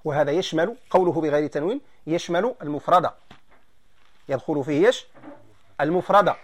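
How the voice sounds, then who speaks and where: A man with a Moroccan Arabic accent teaching a grammar lesson, explaining slowly and quizzing his students. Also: on the high side.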